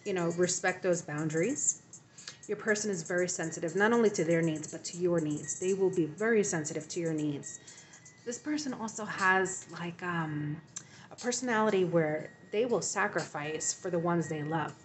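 A woman's voice: lowish voice, normal speed, soft background music. A woman giving a tarot reading to her viewers, speaking in a reassuring way with frequent ums and repeated phrases. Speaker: tarot reader.

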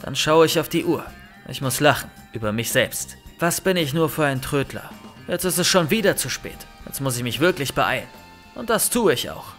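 A man reading a first-person horror story aloud in an expressive, lively storytelling manner. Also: on the high side, normal speed. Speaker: narrator. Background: faint music.

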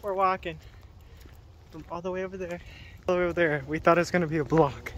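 Young male missionary vlogger, higher-voiced, playful, joking delivery, noisy phone audio. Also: fast talker. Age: young adult. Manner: excitable, joking, self-mocking. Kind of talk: casual vlog narration. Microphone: phone held at arm's length.

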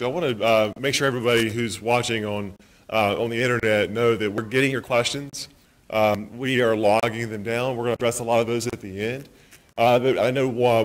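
A man moderating a town hall meeting, introducing speakers with frequent hesitations, on a handheld mic in a meeting room. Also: medium pitch. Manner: hesitant with many filler sounds. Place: meeting room with projector screen.

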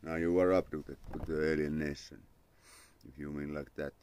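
His voice is very deep and a little mellow, with little pitch movement at a normal speed, and there's slight background noise. This young Finnish man chats casually on a live stream in his yard under a parasol, thanking followers and muttering to himself in a Finnish accent. A phone camera held at arm's length captures it.

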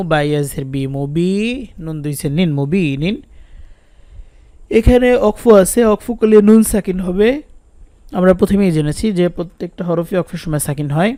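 A man with a Bangladeshi Bengali accent teaches step by step, spelling out each syllable and repeating it patiently. His voice sits a little high and sounds smooth and clear. The recording is dry and close, with no room echo. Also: dark tone. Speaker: Quran recitation teacher. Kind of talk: step-by-step spelling lesson with slow recitation.

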